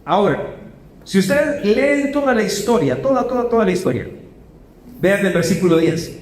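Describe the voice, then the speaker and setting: A man preaching a sermon as pastor, asking his congregation questions and shifting between quick and slow phrasing. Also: high voice, big pitch swings, darkish tone, reverberant, slight background noise, low-quality recording. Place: church hall.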